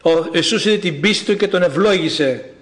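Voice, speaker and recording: A man preaching a sermon, reading scripture aloud with fervent, measured pauses. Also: sits high, animated, fairly bright tone.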